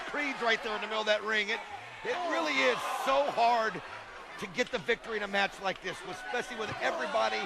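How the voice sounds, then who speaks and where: A man giving animated, emphatic, opinionated color commentary on live wrestling in a conversational way. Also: extremely high pitch, creaky, very noisy. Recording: loud crowd and music behind. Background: arena crowd and music.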